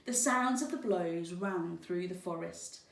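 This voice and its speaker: Female storybook narrator, teacherly, deliberate unhurried pace, distant roomy recording. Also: on the low side, gravelly. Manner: deliberate, expressive read-aloud. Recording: roomy, echoing, distant microphone.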